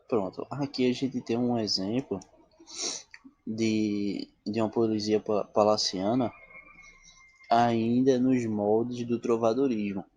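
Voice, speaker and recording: Male teacher, slow deliberate lecture, low husky voice, dry close sound. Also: fairly even intonation, darkish tone, dry recording, muffled recording. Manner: checks in often with "tá bom?" and "né?"; asks questions and answers them himself. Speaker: literature teacher. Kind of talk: classroom-style lecture.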